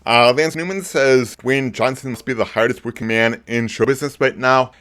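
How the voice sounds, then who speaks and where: In his forties, a movie channel host rambles through a casual live stream full of ums and restarts. His voice sits a little lower than usual, with a fairly bright tone, and he talks at normal speed.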